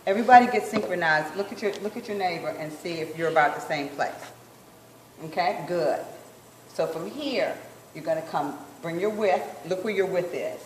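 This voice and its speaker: Lady coaching a group rehearsal, low-ish voice, echoey room, a bit of background noise. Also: far from the mic. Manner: encouraging, repeats phrases slowly while demonstrating. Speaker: sign language dance instructor.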